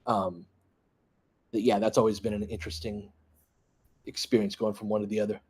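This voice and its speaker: On a fan livestream, a man calls a basketball game play-by-play, conversational and off the cuff, in short clipped bursts while chatting with viewers. He has a fairly low, mellowish voice with a breathy edge, little pitch movement and a moderate pace.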